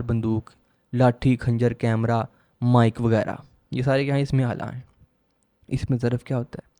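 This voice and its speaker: A man teaching a grammar lecture for a law admission test, asking questions and answering them himself and repeating each definition slowly. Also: medium pitch, mellow, dry recording, studio quality.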